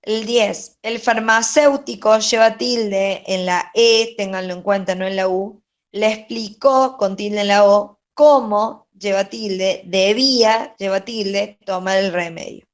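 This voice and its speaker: Patient teacher, unhurried, mid-pitched woman going over exercises. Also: steady tone. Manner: patient, checks in with "¿sí?". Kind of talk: grammar lesson, going over answers. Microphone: online class.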